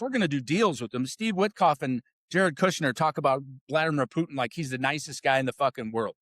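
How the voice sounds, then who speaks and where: A man delivers a heated political rant, sarcastic and full of swearing. His voice sits fairly high for a man. The sound is dry and close, with no room echo. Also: a bit bright. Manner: angry, profane, sarcastic. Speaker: podcast host.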